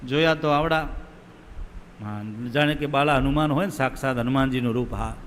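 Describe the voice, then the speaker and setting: A man's voice: mid-range voice, brisk, fairly bright tone, slight background noise. A male preacher gives a devotional sermon, telling stories and putting rhetorical questions to his listeners. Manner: storytelling, asks the audience rhetorical questions. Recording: reverberant hall with sitar music behind.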